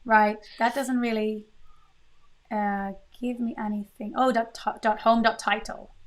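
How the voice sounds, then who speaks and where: A woman's voice: fairly high pitch, little pitch movement, unhurried. A woman hosting a live-coding stream, thinking aloud in a casual, chatty way with fillers and restarts.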